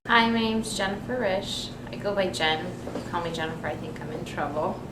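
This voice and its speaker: A woman's voice: lowish voice, brisk, background noise. Young woman, casual chatty interview, lots of ums, echoey room, distant mic. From United States. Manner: relaxed and chatty, many ums. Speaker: interviewee, nurse and figure athlete. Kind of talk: casual self-introduction.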